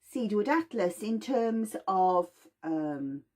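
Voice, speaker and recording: A woman giving a gentle, rambling lesson on aromatherapy. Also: mid-range voice, animated, takes it slowly. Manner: gentle, rambling, personifies plants. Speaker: aromatherapy teacher. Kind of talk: informal lesson.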